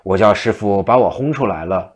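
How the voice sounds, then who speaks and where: A man's voice: lowish voice, brisk, lightly acted. A man voicing a playful, eccentric male monk who talks in a teasing, mock-timid way.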